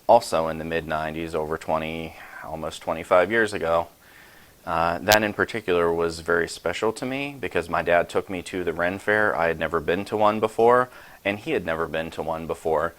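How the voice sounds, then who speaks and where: Casting note: forties male vlogger, very low voice, rambling, self-deprecating, casual show-and-tell. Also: normal speed, fairly bright tone. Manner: chatty, self-deprecating, rambling asides with sound effects. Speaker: YouTube host showing his sword collection.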